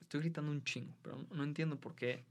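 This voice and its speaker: A man's voice: on the high side, steady tone, fast talker. A man with a Mexican Spanish accent talking crudely and joking in a casual podcast chat. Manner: crude, joking, explains things.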